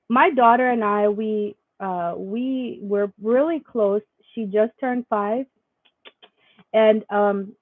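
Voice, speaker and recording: A woman's voice: medium pitch, dry recording. A young woman vlogger telling a faith story in a rambling way, full of fillers and restarts. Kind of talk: casual spiritual vlog monologue. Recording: dry tinny lo-fi sound.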